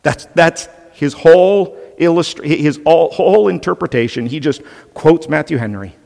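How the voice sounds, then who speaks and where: A man's voice: on the high side, normal speed, gravelly, darkish tone, in a large hall. A male pastor delivering an earnest, emphatic sermon, often restarting his phrases.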